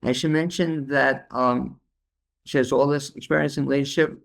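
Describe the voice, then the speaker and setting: A New York City man hosts a casual podcast interview, keeping things loose and relaxed with lots of filler words. His voice is gravelly and medium-pitched, with fairly even intonation and a moderate pace.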